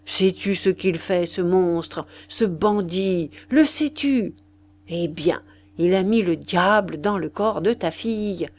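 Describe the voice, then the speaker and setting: A woman voicing an irascible, greedy male village vicar who scolds and hurls insults, in an audiobook reading. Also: mid-range voice.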